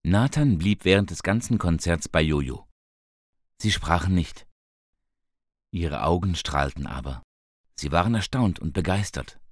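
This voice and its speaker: Man, storybook narrator, very deep voice, slow calm reading, dry close recording. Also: no echo. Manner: calm, slow, lifts pitch for quoted characters.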